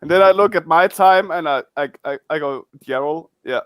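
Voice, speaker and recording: High-voiced man telling a story. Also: brisk, clean tone, no echo. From Denmark. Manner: animated storyteller, stammering restarts. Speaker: podcast co-host. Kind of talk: casual storytelling chat.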